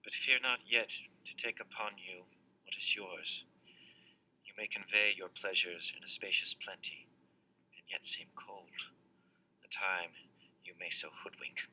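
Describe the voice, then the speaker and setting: A man playing a grieving nobleman, low and bright. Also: fairly even intonation, measured pace, a little hiss or hum, heavily acted, low-quality recording. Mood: anguished. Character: grieving loyal nobleman, passionate and proud. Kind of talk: classical stage verse reading.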